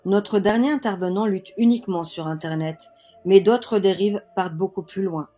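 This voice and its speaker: A woman's voice: mid-range voice, normal speed, mellow, faint music behind. A woman reading scripted news narration.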